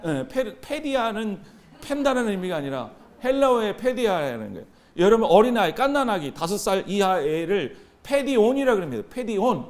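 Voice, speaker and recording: A man in his thirties preaching a sermon as pastor, animated, calling out to his congregation and waiting for replies. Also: sits high, normal speed. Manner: animated, call-and-response with the congregation.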